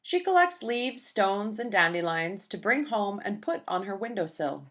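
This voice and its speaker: Reading a children's picture book aloud, a woman uses a mid-range voice at a moderate pace, with a gentle and expressive storytelling manner.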